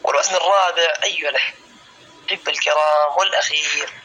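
A man teaching a classical Arabic lesson, slowly spelling out word patterns syllable by syllable and calling students by name. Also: fairly high pitch, steady tone, pushed and bright, low-quality recording. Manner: addresses students by name, asks if clear.

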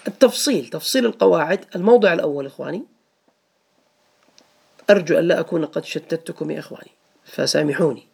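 A man's voice: a little high, fast, gravelly, long pauses, slightly rough. A man teaching a grammar lesson to students, patiently repeating each rule and asking them questions.

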